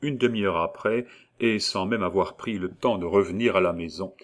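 A man reading a classic novel aloud as an audiobook narrator, in a measured literary style. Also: low-pitched.

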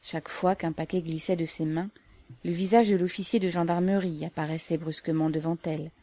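A woman narrating a classic novel as an audiobook, measured and even. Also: lowish voice, no room sound. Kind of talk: scripted narration.

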